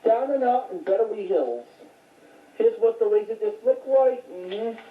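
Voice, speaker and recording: A woman with a fairly high, animated voice takes her time as she casually shows off recent finds from her home video collection, rambling in a matter-of-fact way without a script. The audio is tinny and phone-like, with echo and a distant mic.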